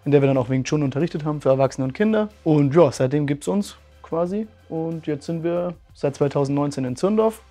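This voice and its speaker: In a testimonial interview, a martial arts school owner in his thirties tells his story earnestly and thoughtfully, using many fillers. His voice sits on the high side with a dark tone, and he's indoors in a bright room with curtains.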